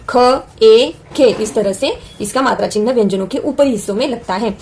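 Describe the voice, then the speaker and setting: A woman teacher explaining a lesson patiently, often pausing to say example sounds slowly and clearly. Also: mid-range voice, darkish tone, slight background noise. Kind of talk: classroom-style lesson explanation.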